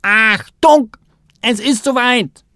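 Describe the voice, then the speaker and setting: A man voicing an eager, impatient little male mole in a children's storybook, with loud, excited exclamations. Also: medium pitch, unhurried, vocal fry, no echo, studio quality, full character voice. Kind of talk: storybook read-aloud.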